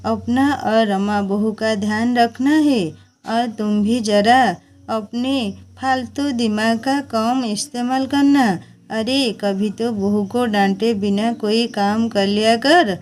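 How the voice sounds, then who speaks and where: A woman's voice: a little high, steady tone, slow pace. Woman voicing a kindly patient father-in-law. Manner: gentle, patient.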